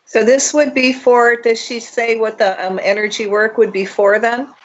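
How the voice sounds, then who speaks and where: A woman's voice: fairly high pitch, level tone, moderate pace. A woman interviewer chatting casually, heard on a slightly dull recording. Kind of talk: casual chat. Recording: slightly dull, lo-fi call sound.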